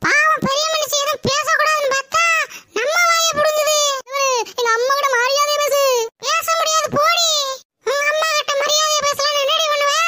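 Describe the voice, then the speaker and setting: A woman voicing a combative, sharp-tongued young village wife with a Tirunelveli Tamil accent, shouting insults. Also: very high-pitched, no room sound.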